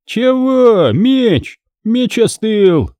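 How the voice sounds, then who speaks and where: A man's voice: high voice, big pitch swings, very slow, dry recording, voice pushed up, full character voice. A man doing a brash young smith's helper. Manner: brash, shouting.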